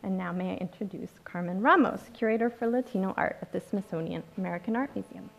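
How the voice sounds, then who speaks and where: A woman conference organizer reading formal acknowledgements in an auditorium, in a measured, scripted way. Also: medium pitch, vocal fry, heavy background noise. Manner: reads a list of thanks, measured.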